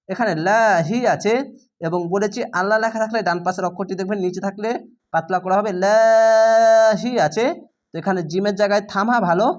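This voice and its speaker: Bangladeshi man, Quran teacher, slow patient syllable-by-syllable spelling lesson, drawn-out recitation. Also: sits high. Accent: Bangladeshi Bengali.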